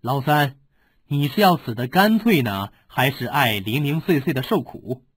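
A man's voice: medium pitch, lively intonation, moderate pace, slightly rough. A man voicing a scheming, cruel older swordsman who gloats over a captured rival. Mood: sneering. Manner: sneering, gloating.

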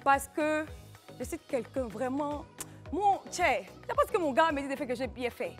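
High, chatty woman co-host. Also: normal speed, soft background music. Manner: lively, chatty, playful. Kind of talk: casual studio banter.

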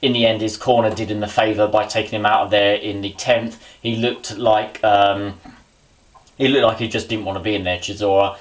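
A boxing vlogger rambles casually about the sport while cooking in his small home kitchen, muttering to himself. His voice is lowish and flat at a normal speed, picked up by the camera's built-in mic.

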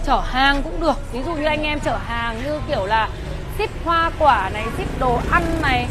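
High-pitched Northern Vietnamese woman hard-selling, noisy street. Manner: insistent, repetitive, addressing viewers directly. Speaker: used scooter seller hosting a live sale. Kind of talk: hard-sell live sales pitch, unscripted. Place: outdoors on a busy city street outside a shop. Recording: noisy street recording with traffic and chatter.

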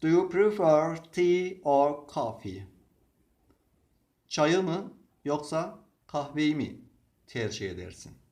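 A man teaching English vocabulary, reading each word and example sentence slowly and deliberately. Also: a little high, very animated, a little mellow. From Turkey. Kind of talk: slow vocabulary lesson.

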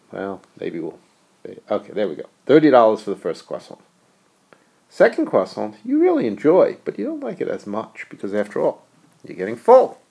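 Animated gravelly-voiced male professor. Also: lowish voice. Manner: playful, animated, jokey asides. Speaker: economics professor. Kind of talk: recorded video lecture. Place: US college.

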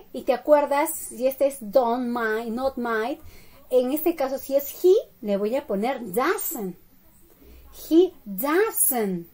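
A woman with a high voice teaches English to children in a slow, patient lesson. She drills each sentence twice and keeps checking that the class follows. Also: warm tone. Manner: slow, deliberate drilling with frequent "¿ok?" and "¿verdad?" checks.

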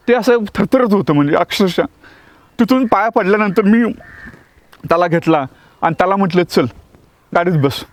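A man's voice: high voice, no echo. A man who teaches acting tells a personal devotional experience as a story. He talks vividly, acts out the dialogue, and often restarts his words.

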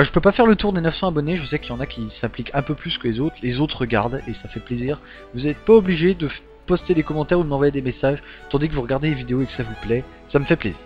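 A man giving a casual update to his gaming channel's subscribers, rambling with many ums and restarts. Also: a little high. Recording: dull lo-fi sound with faint music.

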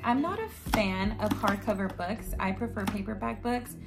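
In her bedroom with background music playing, a book vlogger in her twenties chats about a recent book haul, reading blurbs aloud. Her mid-range voice is lively and at normal speed but slightly hoarse and raspy after yelling at a concert, and she says "like" and "um" a lot.

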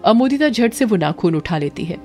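A woman storyteller narrating a horror story in a steady, dramatic way. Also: medium pitch, moderate pace. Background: faint background music.

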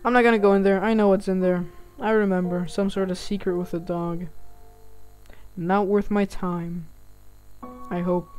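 A woman hosting a casual let's-play, reading the game's text aloud between quick reactions. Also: mid-range voice, fairly even intonation, darkish tone, faint music behind. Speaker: gaming channel host.

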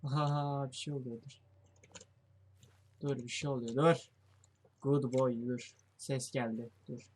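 A man's voice: medium pitch, level tone, unhurried, pauses often, darkish tone, a little hiss or hum. A young man giving let's play commentary on a horror game, jumpy and swearing as he thinks aloud to his viewers. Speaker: gamer playing a horror game.

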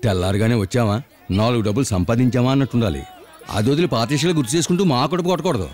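Fast-talking bossy beggar boss, voiced by a man. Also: medium pitch, lively intonation, darkish tone, natural voice. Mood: lecturing. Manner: scolding, bossy. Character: gruff man bossing a gang of beggars. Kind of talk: dubbed film dialogue.

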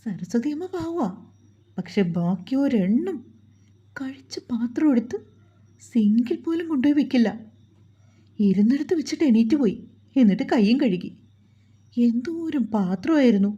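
A woman's voice: a little high, animated, normal speed, long pauses, warm tone, slightly rough, dull audio. A woman doing a gossipy grumbling helper. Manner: complaining, confiding.

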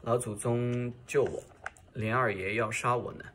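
A man reading aloud the lines of a fierce, sharp-tongued, jealous young noblewoman from a classic novel, in a cursing, scolding manner. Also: medium pitch, fairly even intonation, a little slow, slight background noise, close to an everyday voice. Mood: pleading.

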